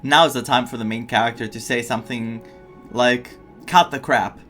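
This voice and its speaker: A man with a mid-range voice speaks at a normal pace in a steady, pushed, bright tone. He's a game streamer offering casual, opinionated reactions to a story game, clearly invested in what he's watching, while faint game music plays behind him.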